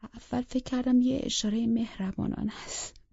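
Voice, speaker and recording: A woman's voice: fairly high pitch, fairly even intonation, vocal fry, mellow, husky, no echo, lo-fi sound. A woman reading a psychological thriller aloud as a first-person audiobook narrator, in a tense, intimate way that sometimes drops to a whisper.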